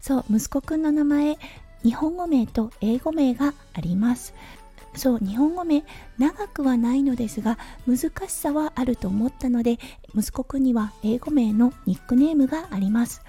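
A woman in her thirties hosting her own talk podcast, telling stories in a gentle, chatty way with soft fillers. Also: sits high, normal speed, breathy edge, faint music behind. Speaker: podcast host. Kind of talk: casual solo talk radio.

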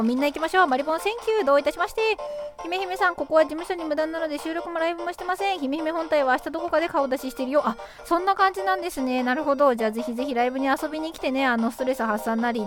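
A woman hosting a casual live stream, playfully reading listener comments aloud and quipping back at them. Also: high voice. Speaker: livestream host. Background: background music.

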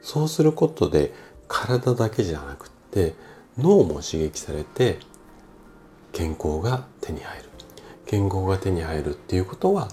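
A man in his fifties, a bodywork clinic owner hosting a solo podcast, calmly explaining things as if to his younger self. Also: low-pitched, unhurried. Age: 50s. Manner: calm, explanatory, speaking familiarly to a younger self.

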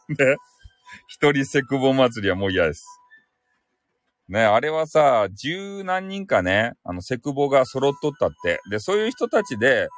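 A man with a Hakata dialect from Fukuoka, hosting a casual live audio stream alone, chatty and self-mocking and laughing often as he reads out listener comments. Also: mid-range voice. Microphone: close home microphone.

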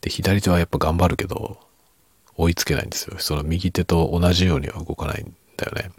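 Middle aged guy doing sleepy late night chat, super low n husky, half whispering, real slow and soft. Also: steady tone, no room sound. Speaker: podcast and ASMR creator. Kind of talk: hushed late-night casual chat for falling asleep.

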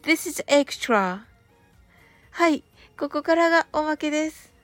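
A woman hosts a laid-back radio talk in a polite, gentle manner. Her voice sits a little high and sounds close and dry. Faint music plays under her, and she draws out English phrases slowly and carefully. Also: level tone, no echo. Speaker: radio show host. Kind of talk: relaxed scripted radio talk with English lessons.

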